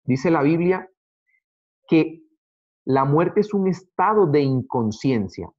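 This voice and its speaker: A man teaching an Adventist Bible study in an earnest way, addressing his listeners as brothers and slowing down to read verses aloud. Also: on the high side, animated, darkish tone. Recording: dull lo-fi recording.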